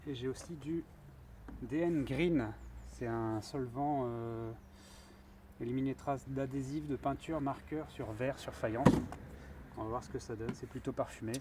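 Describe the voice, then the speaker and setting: Man, DIY vlogger, middle pitch, chatty work-along narration outdoors, faint background noise. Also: measured pace. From France. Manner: chatty, thinking aloud with fillers while working. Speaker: van builder. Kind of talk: casual DIY vlog narration. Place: outdoors beside a van.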